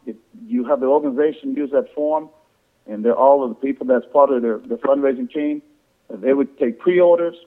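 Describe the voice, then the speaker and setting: Man pitching over a tinny phone line. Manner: repetitive, halting explanation with false starts. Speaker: presenter on an affiliate sales call. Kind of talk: informal sales pitch to affiliates. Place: conference call over the phone. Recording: tinny, band-limited phone conference line.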